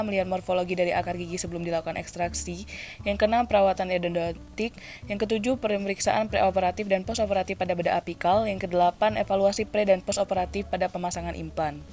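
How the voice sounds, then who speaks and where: A young woman with a lowish voice and darkish tone demonstrates dental radiography, methodically moving through numbered steps. The sound is roomy, and she addresses her role-play patient politely as a dental student giving an instructional demonstration.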